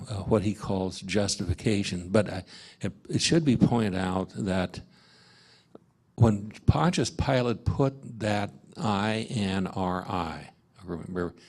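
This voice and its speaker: Slow, gravelly-voiced man leading Bible study. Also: deep voice, a little mellow. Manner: halting, many fillers and restarts. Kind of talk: informal Bible study teaching. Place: parish meeting room.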